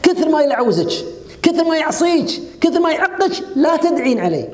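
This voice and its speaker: A man preaching, giving an animated religious lecture to women and asking them rhetorical questions. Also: very high voice, quick pace. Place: hotel lecture hall. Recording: echoey lecture hall.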